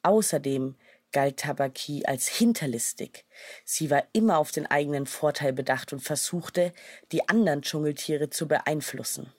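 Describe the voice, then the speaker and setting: Brief: calm woman narrator for a children's storybook, low voice, dry close sound. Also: no room sound. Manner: calm and measured.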